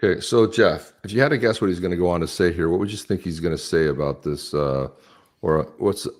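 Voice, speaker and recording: A man with a very low voice hosts a podcast in loose, unscripted chat. He talks bluntly and crudely, rambling as he reacts to clips. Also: brisk, a little mellow. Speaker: podcast host.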